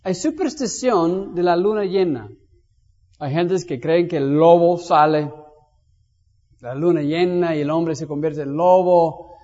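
Male pastor, storytelling sermon, high voice, dull recording in a church hall with long reverb. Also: measured pace. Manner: lively storytelling, direct questions to listeners.

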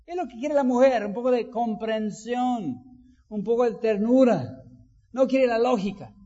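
A man preaching a sermon, acting out quoted voices and rising to loud emphasis. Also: very high-pitched, expressive, a little slow. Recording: dull sound with long hall reverb.

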